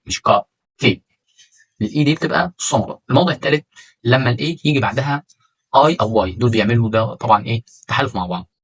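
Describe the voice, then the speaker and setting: A man's voice: mid-range voice, slightly rough, rough recording. A man with an Egyptian Arabic accent teaching English pronunciation in a casual, chatty way, talking to the viewer as a friend. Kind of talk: casual explanatory lesson.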